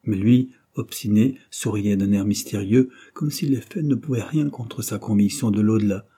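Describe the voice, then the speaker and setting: Low, dark-voiced male narrator. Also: normal speed, husky. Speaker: audiobook narrator. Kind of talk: scripted narration of a classic novel.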